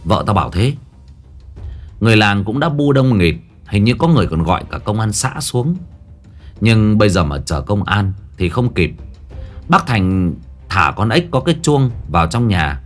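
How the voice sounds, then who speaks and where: A man with a low-pitched voice narrates a ghost story in the first person. His intonation rises and falls dramatically as he tells it, and faint music sits underneath. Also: moderate pace. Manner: lively, dramatic telling.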